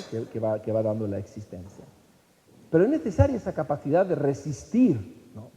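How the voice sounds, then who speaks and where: A man giving a relaxed, sermon-style talk and regularly tossing tag questions back at his listeners. His voice is mellow and warm, and his pitch moves expressively through each phrase. A long reverb hangs over everything in a large hall. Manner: conversational, constant tag questions.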